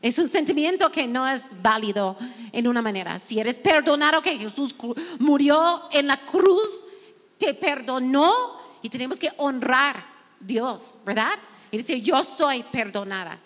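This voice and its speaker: A woman's voice: sits high, animated, unhurried, fairly bright tone, long reverb tail. A woman pastor, not a Spanish speaker, sharing heartfelt testimony and reading scripture to other women. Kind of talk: sermon-style sharing.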